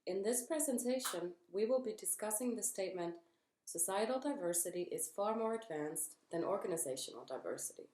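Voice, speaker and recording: A young woman, a student reading her part of a group presentation in a measured, formal way. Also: medium pitch, lively intonation, mellow, slight background noise. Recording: echoey room.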